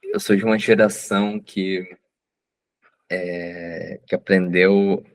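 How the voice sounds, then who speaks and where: A Brazilian man with a Brazilian Portuguese accent, a guest author in a casual interview, talking in a relaxed, slangy way full of fillers and restarts. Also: low-pitched, slow. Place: abroad at home, on a remote call.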